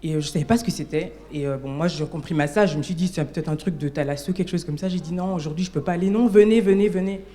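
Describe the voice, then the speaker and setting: Woman, church member sharing her testimony at a service; halting, self-correcting delivery. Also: deep voice, dark tone. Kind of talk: personal testimony to a congregation.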